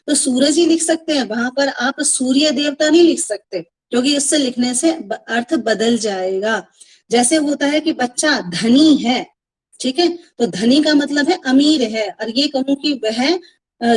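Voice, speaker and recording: A woman's voice: high-pitched, poor audio. A woman school teacher giving an online Hindi lesson, explaining patiently with repeated examples and English words mixed in. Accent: Indian Hindi.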